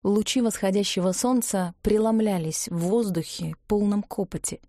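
A woman reading a fantasy audiobook in an even, expressive narration. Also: medium pitch, moderate pace, no room sound, studio quality. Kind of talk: scripted narration.

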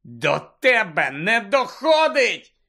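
Urgent shouting teen boy, read by a man. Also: sits high, big pitch swings, measured pace, pitched above the performer's own voice, heavily acted. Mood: angry shouting. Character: angry teenage boy wizard, shouting.

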